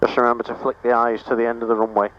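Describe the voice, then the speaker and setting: A man's voice: mid-range voice, completely flat delivery, racing. A man works as a flight instructor, coaching in an informal, reassuring way. He speaks over a dull cockpit headset channel with light engine noise behind him. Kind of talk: in-cockpit coaching during a flying lesson. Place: inside a small microlight aircraft cockpit. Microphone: aviation headset. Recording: dull, noisy cockpit intercom audio.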